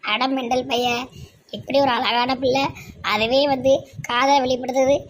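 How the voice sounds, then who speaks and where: A woman's voice: sits high, flat delivery, moderate pace. A woman doing a mocking village aunty. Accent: Tirunelveli Tamil. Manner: mocking, loud, slangy. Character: gossiping blunt middle-aged village aunt.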